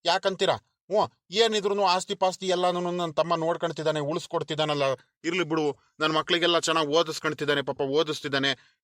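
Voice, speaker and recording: A resentful middle-aged villager from a cartoon, voiced by a man, who grumbles and repeats himself. His voice sits high and bright, recorded close and dry. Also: no room sound. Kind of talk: animated cartoon voice acting.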